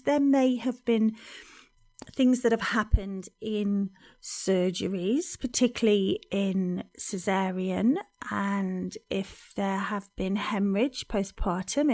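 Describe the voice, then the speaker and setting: A woman hosting a podcast, explaining in a calm, informative monologue with frequent ums. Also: medium pitch, creaky, no room sound. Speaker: fertility podcast host.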